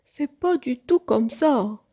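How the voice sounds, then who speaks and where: A woman's voice: fairly high pitch, expressive, slow, mellow. A woman voicing a fussy, grumpy little boy who grumbles and insists in a storybook.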